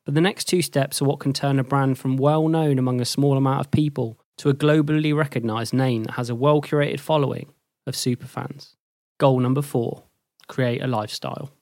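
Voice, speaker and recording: A man narrating a scripted lesson as host, in a measured, even way. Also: mid-range voice, no echo, studio quality. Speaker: host and lecturer.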